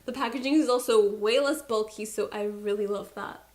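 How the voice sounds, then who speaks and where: A woman's voice: mid-range voice, moderate pace, a little mellow. A young woman beauty vlogger chatting casually to her viewers, candid and playful with self-mocking asides. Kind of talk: casual chat to camera.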